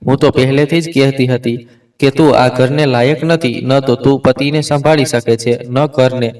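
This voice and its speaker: A man's voice: mid-range voice, fairly even intonation, normal speed, a little mellow, far from the mic, lightly acted, low-quality recording. A man voicing a spiteful young sister-in-law. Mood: taunting. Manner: taunting, cutting remarks.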